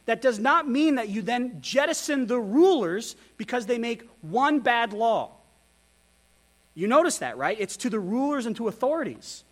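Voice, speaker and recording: A pastor with a strikingly high voice preaches a sermon. He is candid and self-deprecating, repeatedly putting rhetorical questions to his listeners.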